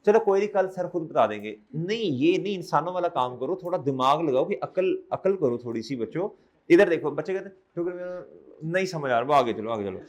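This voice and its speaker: A middle-aged man lectures an accounting class in a somewhat high voice. He coaxes and scolds by turns, often firing questions back at his students. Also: expressive, brisk, a little mellow. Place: classroom, also streamed online.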